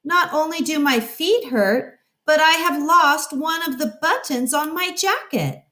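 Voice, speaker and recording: A woman's voice: sits high, a little slow, sharp tone, roomy sound, pitched above the performer's own voice. A woman voicing a grumpy, fretful male toad who whines out complaints in a children's storybook read-aloud. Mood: grumbling. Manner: whiny, exclaiming complaints.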